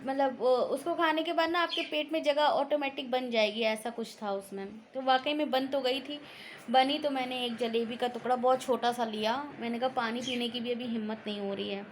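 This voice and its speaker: A young woman with a fairly high voice chats to camera in a loose, storytelling way, sounding tired and sleepy. Faint noise hums behind her. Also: steady tone, normal speed. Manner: chatty storytelling, quoting relatives. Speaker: vlogger. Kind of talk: casual chat to camera.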